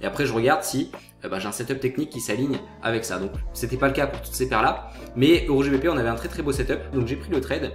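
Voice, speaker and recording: Fast-talking man, roomy sound, faint guitar. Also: medium pitch. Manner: casual, addresses viewer as "tu", many "euh" hesitations. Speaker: trading channel host. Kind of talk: live trading walkthrough.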